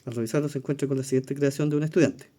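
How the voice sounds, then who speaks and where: In a recorded lesson, a teacher with a Chilean Spanish accent reviews exam questions very fast, his warm mid-range voice keeping a fairly even intonation. He breaks things down step by step, uses fillers as he thinks aloud, and checks in with the people listening.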